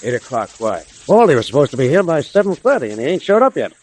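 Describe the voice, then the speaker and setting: An actor playing an edgy, suspicious gangster boss in a 1930s radio drama. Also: male voice, on the high side, big pitch swings, fast talker, darkish tone. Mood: impatient. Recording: vintage 1930s radio recording.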